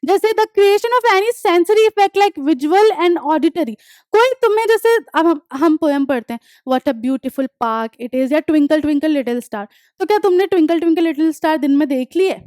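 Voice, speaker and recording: A young woman teaching an English lesson online, explaining step by step, often checking that students follow, and reading examples slowly. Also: very high voice, no echo, clean studio sound. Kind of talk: online class lecture.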